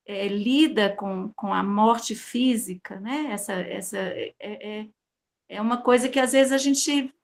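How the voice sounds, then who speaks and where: Hesitant woman telling a personal story. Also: a little high. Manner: hesitant storytelling, many fillers. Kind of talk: personal account in group discussion.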